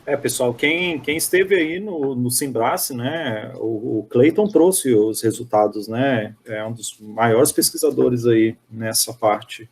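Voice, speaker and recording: Brazilian-accented man, husky voice, casual discussion remarks with fillers. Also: mid-range voice, slow pace, hardly any pauses, darkish tone. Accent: Brazilian Portuguese. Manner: conversational, many tag fillers. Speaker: meeting participant. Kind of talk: academic discussion.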